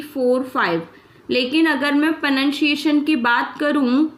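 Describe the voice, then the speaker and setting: A woman's voice: high voice, fairly bright tone. A woman teaching a shorthand class, explaining step by step and checking in with her students often. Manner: patient, checks in with "ठीक है?" often. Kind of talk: explaining lesson in mixed Hindi and English.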